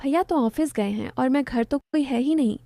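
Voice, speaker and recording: A woman voicing a gentle, earnest young man who speaks affectionately to his sister-in-law. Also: sits high, moderate pace, dry recording, studio quality. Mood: tender. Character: tender young man, devoted brother-in-law.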